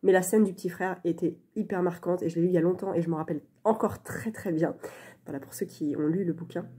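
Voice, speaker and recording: A book vlogger with a lowish, warm, husky voice talks fast and casually about reading, with lots of fillers and restarts. She's recording on her phone camera, which sits on a stand in dim light.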